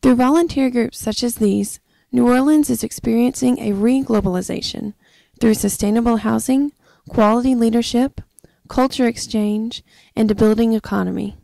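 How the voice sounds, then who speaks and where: Woman narrator, scripted documentary read, gravelly fry, dark mellow tone, dry close sound. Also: on the high side, moderate pace, dry recording. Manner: reads evenly from a script.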